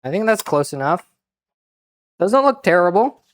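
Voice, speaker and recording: A man streaming himself cooking, chatting casually with deadpan, self-mocking asides and muttering to himself as he works. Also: high voice, measured pace. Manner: mutters to himself while working. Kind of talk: casual chat while cooking.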